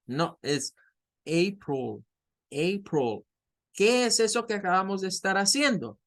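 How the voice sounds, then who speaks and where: A man teaching an introductory English class, who explains patiently and models sounds slowly. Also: sits high, fairly bright tone. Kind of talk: online class lecture.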